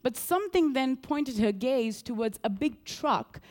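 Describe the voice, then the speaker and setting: Animated woman preaching a sermon. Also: high-pitched, a little slow. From Sri Lanka. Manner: earnest and animated, repeats key phrases. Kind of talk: sermon with storytelling.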